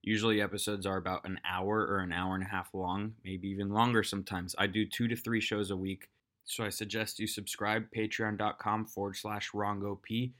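A man's voice: lowish voice, level tone, fairly quick, a bit bright. A man hosting a podcast, giving a casual promotional announcement to listeners. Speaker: podcast host.

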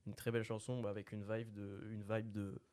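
A man's voice: on the low side, level tone, brisk, a little mellow. A young man hosting a casual podcast chat, talking with lots of hesitant fillers. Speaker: podcast host.

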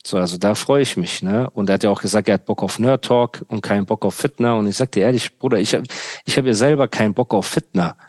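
A man's voice: lowish voice, quick pace, a little mellow, no echo. A young man hosting a podcast, ranting sarcastically in casual chat full of street slang. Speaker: podcast host.

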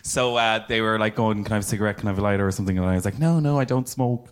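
Man telling a story, lower voice. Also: racing, clear, resonant tone. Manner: animated, acts out quoted lines, laughs often. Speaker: podcast guest, drag performer. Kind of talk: live podcast storytelling.

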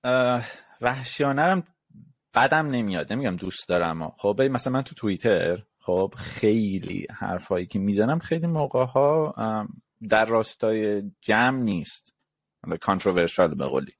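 A man's voice: fairly low pitch, very animated, dry recording, studio quality. A man co-hosting a casual podcast, explaining his point through made-up example quotes. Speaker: podcast co-host.

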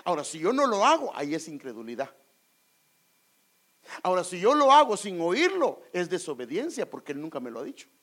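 A man preaching a sermon to his congregation, animated and emphatic, acting out quoted voices and calling them brothers. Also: sits high, a little fast. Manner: acts out quoted voices, rising to loud emphatic peaks. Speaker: pastor.

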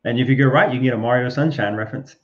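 A man co-hosting a casual podcast chat, describing an idea haltingly with many fillers. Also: medium pitch. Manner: halting, many fillers and restarts as he builds a scene. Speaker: podcast co-host. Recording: dull lo-fi sound.

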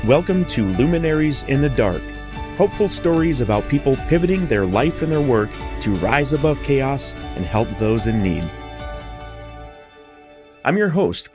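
Expressive male podcast host. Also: medium pitch, breathy edge. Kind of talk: scripted podcast host narration.

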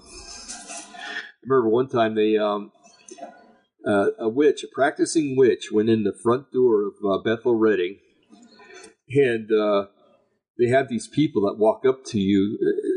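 Gravelly, raspy low-voiced man. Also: darkish tone, poor audio. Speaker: online show host. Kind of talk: informal religious commentary to a live audience.

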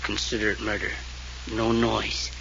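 With a fairly low, gravelly voice that is bright, forceful and exaggerated, an actor plays a drunken, sardonic husband in a 1940s radio drama. He speaks unhurriedly in a level tone, drawling and chuckling in tipsy mockery, on a dull, lo-fi recording with faint hiss.

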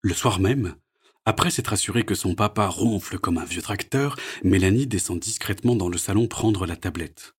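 A man narrating a children's storybook read-aloud in an expressive, soft storytelling manner, with a breathy voice. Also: sits low, moderate pace.

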